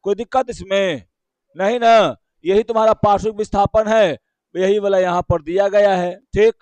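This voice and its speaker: A man teaches a physics lesson in a high, bright-pitched voice with a Bihari Hindi accent. He goes slowly, repeats each key term and keeps asking his class short questions to check they follow. The sound is dry and close. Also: steady tone, clear, resonant tone, no room sound.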